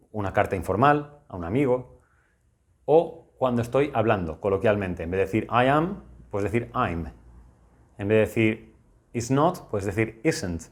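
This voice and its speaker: Young adult man, Spain accent, video-lesson grammar teacher. Patient, explanatory, repeats key points. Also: lowish voice. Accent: Spain Spanish. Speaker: English teacher.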